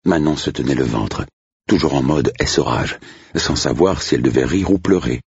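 A man narrating an audiobook with lively storytelling. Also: extremely low pitch, normal speed, gravelly, husky, dry recording. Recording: dull, dry lo-fi recording.

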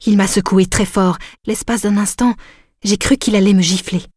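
A woman narrating a novel in the first person, in an intimate, measured way. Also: medium pitch, fairly even intonation, darkish tone, slightly rough, no room sound, clean studio sound. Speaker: audiobook narrator.

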